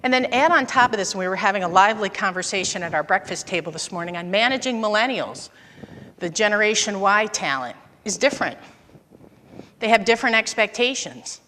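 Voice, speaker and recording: A woman's voice: medium pitch, pushed and bright, big-room sound. A woman in her fifties giving a conversational conference talk, telling anecdotes from her career. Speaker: conference presenter. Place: conference auditorium.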